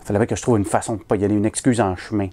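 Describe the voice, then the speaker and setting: A man's voice: fairly low pitch, steady tone, very fast, warm tone. A man with a Québécois French accent performing a comic story, self-mocking and punchline-driven.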